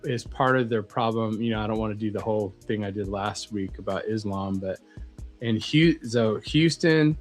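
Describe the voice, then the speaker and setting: A man co-hosting a casual livestream chat, rambling and animated as he tells stories. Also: lowish voice, normal speed, faint music behind. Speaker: co-host.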